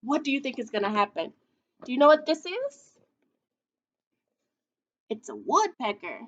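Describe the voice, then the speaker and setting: A young woman with a high voice reads a picture book aloud in a small indoor playroom, teacher-style, drawing out words for drama and asking the children questions. Her pitch swings widely at a normal speed, and the slightly bright audio has its highs cut off.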